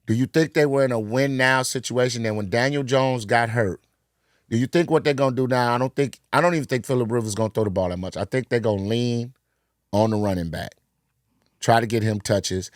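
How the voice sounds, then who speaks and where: A man with a mid-pitched voice argues football in a casual podcast debate, blunt and sarcastic, often acting out what others might say. The sound is dry and close with no room echo. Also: fairly quick. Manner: blunt, sarcastic, swears, acts out quotes. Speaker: sports podcast co-host.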